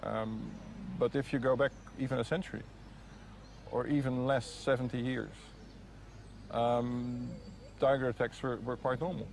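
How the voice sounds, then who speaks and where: A man gives an unscripted expert interview for a documentary. His voice is creaky and his delivery hesitant, with repeated words, over noticeable background ambience. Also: medium pitch, fairly even intonation, a little slow, a little mellow. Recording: clear background ambient noise.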